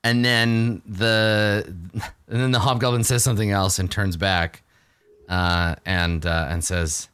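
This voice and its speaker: A man narrating a tabletop game as game master, improvising in halting, repeated phrases. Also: fairly low pitch, level tone, fairly bright tone, smooth, no echo.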